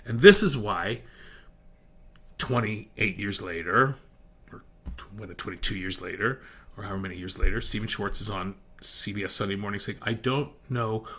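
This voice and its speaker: A middle-aged man talks through a song's lyrics on his podcast, reading each line aloud with lively emphasis. He turns critical in quieter asides between the quoted lines. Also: fairly low pitch, breathy edge. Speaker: podcast host. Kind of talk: solo analysis of a song's lyrics.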